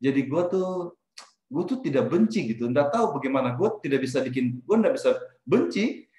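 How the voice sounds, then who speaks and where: A middle-aged man from Indonesia telling a personal life story in an animated, casual way, slipping in English phrases. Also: medium pitch, normal speed. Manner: animated, mixes in English phrases, trails off and restarts. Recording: roomy echo.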